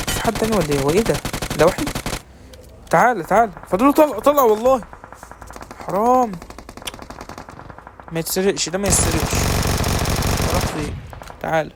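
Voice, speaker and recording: A young man with an Egyptian accent giving quick, joking commentary while playing a shooter game. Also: high-pitched, expressive, background noise. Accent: Egyptian Arabic. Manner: quick, joking banter at enemies and teammates. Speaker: gaming creator. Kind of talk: live gaming commentary. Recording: game gunfire in background. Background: loud gunshots and clicks.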